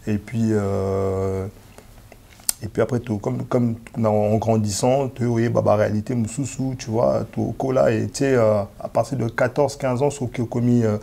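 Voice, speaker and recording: Gravelly-voiced man, hesitant. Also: mid-range voice, fairly even intonation, moderate pace, mellow. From DR Congo, raised in Kinshasa. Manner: hesitant, many fillers and restarts. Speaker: guest. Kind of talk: casual interview, mixing French and Lingala.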